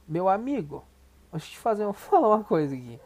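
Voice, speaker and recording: A man's voice: high-pitched, sing-song, quick pace, a little mellow. Profane rambling Brazilian man. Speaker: podcast host. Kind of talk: casual reaction commentary.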